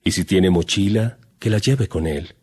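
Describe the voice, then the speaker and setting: Jesus, a solemn low-voiced teacher. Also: male voice, darkish tone, husky. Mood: firm, serious. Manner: solemn, measured, earnest. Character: Jesus, calm solemn teacher addressing his disciples. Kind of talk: dramatized audio Bible acting. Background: music.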